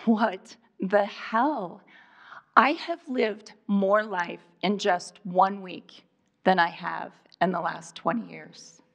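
A woman in her fifties from Iowa performs a personal monologue on a live stage, speaking deliberately with dramatic pauses. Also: lowish voice, vocal fry, a bit bright. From Iowa, USA. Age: 50s. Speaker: storyteller.

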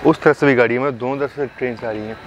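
Rapid-fire and steady in tone, his mid-range voice comes through a muffled recording. This young train vlogger narrates casually with the camera held at arm's length, upbeat, chatty and full of fillers. He's filming outdoors on railway platforms and inside a train, with loud outdoor and train noise around him.

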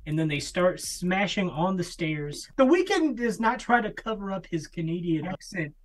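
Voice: mid-range voice, sing-song, moderate pace. A person in a casual chat who is sarcastic and laughs often.

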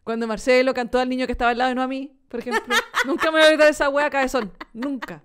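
High-voiced Chilean woman, teasing banter. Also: quick pace, fairly bright tone, clean tone. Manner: teasing and slangy, joking banter. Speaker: podcast co-host. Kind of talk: casual chat.

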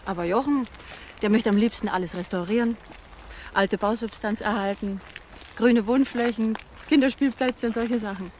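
An actress voices a chatty single mother who works in an office, frankly explaining herself under questioning as a witness in a German crime radio drama. She speaks conversationally at normal speed, her voice on the high side with a darkish tone, close to an everyday voice, amid slight background noise.

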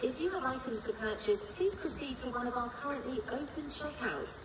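A woman's voice: high-pitched, far from the mic. Woman's voice in an echoey supermarket announcement. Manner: calm, measured, scripted. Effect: supermarket loudspeaker announcement. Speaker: store announcer. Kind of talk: recorded announcement. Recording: echoey store PA from afar, noisy.

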